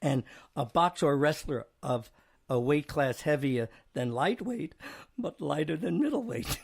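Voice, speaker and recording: A man's voice: a little high, expressive, vocal fry, slightly rough. A man hosting a casual chat, playfully reading out word definitions and example sentences. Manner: playful, chuckling, reads aloud slowly at times. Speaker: host.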